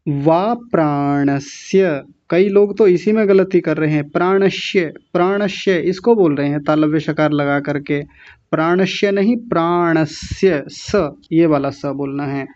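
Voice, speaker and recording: A man teaching Sanskrit pronunciation in an online class, correcting syllable by syllable and clearing his throat often. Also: a little high, a little mellow, highs cut off. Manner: slow, deliberate syllable-by-syllable correction.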